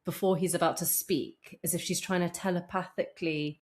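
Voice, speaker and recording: Casting: woman, lowish voice, casual chatty co-host who laughs easily. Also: steady tone, moderate pace. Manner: chatty, laughs often, quotes people in put-on voices. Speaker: podcast co-host. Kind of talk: casual chat.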